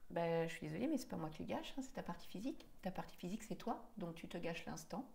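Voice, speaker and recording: A woman's voice: on the low side, big pitch swings, fast, gravelly, a little mellow. A woman hypnotherapist guiding a regression session, pressing her subject with insistent, probing questions.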